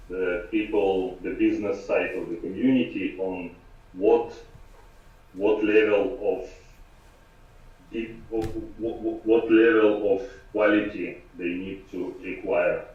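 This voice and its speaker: Deep-voiced man with thick Russian accent. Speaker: remote guest expert. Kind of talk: informal technical explanation to a meetup. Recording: echoey, distant, dull remote call audio.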